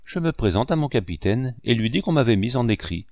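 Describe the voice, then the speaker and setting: A man narrating a first-person memoir in a steady, measured way. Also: medium pitch, no echo. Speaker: audiobook reader.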